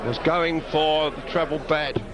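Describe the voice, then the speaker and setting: A man analyses a live darts match in a measured, explanatory way. His voice is a little high, with a very loud crowd behind him. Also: fairly even intonation. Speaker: darts co-commentator. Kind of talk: live sports analysis commentary. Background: noisy darts crowd.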